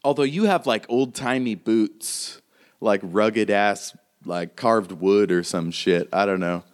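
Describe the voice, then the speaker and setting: A man's voice: lowish voice, measured pace. A man narrating a tabletop game as game master, casual and swearing freely. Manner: casual, swearing, laughing often.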